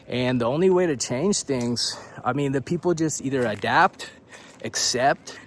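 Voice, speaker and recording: A young man vlogs to camera in a loose, rambling way, dropping "dude" and swears and chuckling as he goes. He sounds a little out of breath, and his pitch sits in an ordinary middle range. A faint hiss of noise runs under the voice. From United States. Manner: casual and rambling, says "dude", swears, laughs between points. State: a bit out of breath. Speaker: vlogger living abroad. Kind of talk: casual talking-head vlog.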